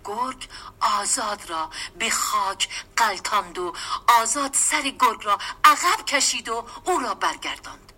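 A woman giving a dramatic storybook reading, often dropping into a hushed, half-whispered voice. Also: medium pitch, lively intonation, slightly rough. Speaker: story reader.

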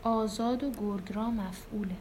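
A woman's voice: medium pitch, fairly even intonation, noisy background. A woman teacher explaining grammar plainly, picking sentences apart piece by piece.

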